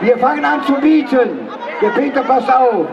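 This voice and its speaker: A man's voice: very high-pitched, lively intonation, moderate pace. A man working as a live auctioneer, calling and repeating bids as host of an outdoor event. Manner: auctioneer's repeated bid calls and counting. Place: outdoor street event on a public square. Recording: loud noisy crowd, muffled distant outdoor PA. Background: loud crowd and street noise.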